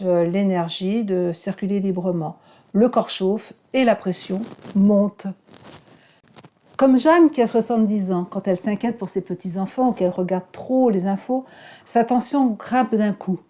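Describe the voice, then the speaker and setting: Woman, mellow warm voice, calm health lesson, gentle measured delivery. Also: medium pitch. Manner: gentle, measured, with occasional fillers and restarts. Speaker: wellness channel host. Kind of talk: calm health explainer to camera.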